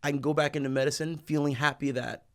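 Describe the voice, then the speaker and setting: A man in his thirties, a guest in a casual interview, telling stories in an animated way and acting out what people said. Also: a little high, quick pace. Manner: animated, acts out quoted people.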